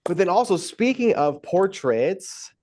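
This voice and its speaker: A man's voice: sits high, big pitch swings, measured pace, darkish tone. A man co-hosting a casual podcast, talking with enthusiastic, gushing praise. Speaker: podcast co-host.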